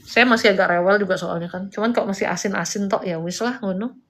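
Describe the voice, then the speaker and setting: A woman's voice: mid-range voice, fast, a bit bright. A woman hosting a live stream, chatting casually and rambling, scolding and lecturing her viewers. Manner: chatty, rambling and scolding, jumps between topics. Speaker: live-stream host giving spiritual consultations.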